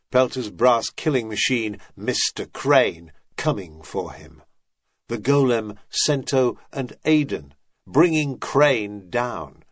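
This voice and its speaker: A man with a medium-pitched voice narrates an audiobook from a script, reading in a measured, even way, with no echo.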